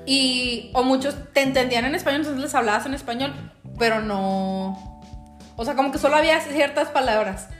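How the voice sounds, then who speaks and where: A woman's voice: high-pitched, moderate pace. A young Mexican woman with a Mexican accent, telling stories in a casual podcast chat, full of filler words. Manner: chatty, storytelling with filler words. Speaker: podcast co-host. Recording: roomy echo with music behind.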